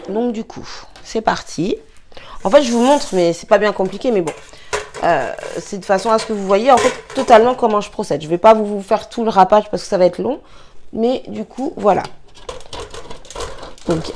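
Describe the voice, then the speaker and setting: A woman chatting casually in a how-to beauty vlog, rambling with many fillers and restarts and apologizing in quick asides while she works with her hands. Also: mid-range voice, a little mellow, a little hiss or hum. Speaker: beauty vlogger.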